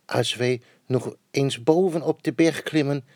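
A man's voice: mid-range voice, unhurried, no echo, clean studio sound, voice pushed up, close to an everyday voice. A man reading aloud, voicing an eager, earnest little male bear cub in a children's storybook. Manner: earnest, wishful, excited.

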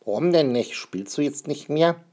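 A man reading aloud and voicing an eager, excited little boy who chatters and pleads. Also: a little high, moderate pace, voice pushed up.

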